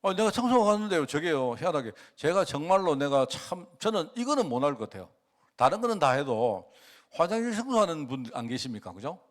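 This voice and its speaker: Preaching to his flock a little fast, this male pastor keeps things conversational, poses frequent questions to the congregation, and lets his pitch and loudness rise and fall with energy.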